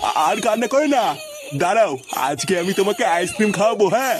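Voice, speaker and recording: A man's voice: sits high, fast, noisy background, natural voice. A man playing a doting old grandfather who coaxes and consoles in a comedy cartoon skit. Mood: soothing. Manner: coaxing, consoling.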